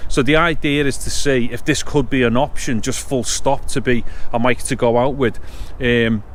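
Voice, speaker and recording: A man's voice: mid-range voice, fairly even intonation, normal speed. A man chatting casually and thinking aloud as he tests microphones outdoors, with wind on the mic. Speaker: vlogger testing microphones. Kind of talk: casual unscripted gear-test chat. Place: outdoors between blocks of flats. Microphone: action camera internal and external mics.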